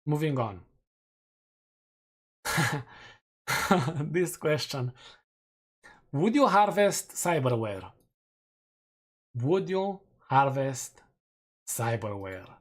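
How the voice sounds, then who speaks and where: A Romanian-accented streamer talks extremely slowly with long pauses in an expressive, medium-pitched voice. He's casually going over community poll results, making self-mocking jokes.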